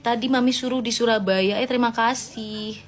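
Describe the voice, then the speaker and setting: A woman's voice: a little high, steady tone, moderate pace. A woman hosting a casual live stream, reading viewer comments aloud and answering them in a playful, motherly way. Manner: gently scolding, motherly tone to followers.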